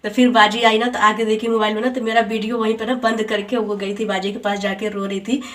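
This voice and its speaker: A woman's voice: medium pitch, flat delivery, fast, fairly bright tone. A young woman chatting in a casual home vlog, telling stories with giggly asides while doing chores, a little unwell. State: feeling unwell. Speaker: vlogger. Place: home, moving between rooms and rooftop.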